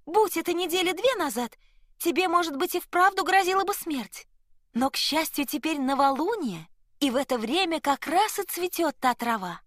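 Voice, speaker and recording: A storyteller voicing a wise, kindly female goose who calmly reassures a frightened dwarf in a storybook reading. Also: very high voice, normal speed, no echo, studio quality, pitched above the performer's own voice. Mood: reassuring. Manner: calm, reassuring, helpful.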